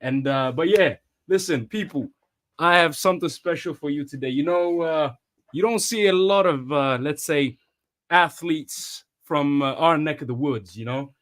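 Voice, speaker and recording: A man's voice: a little high, moderate pace, fairly bright tone. A man from Eritrea hosting a casual interview, easygoing and chatty with a hype-man touch. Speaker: host.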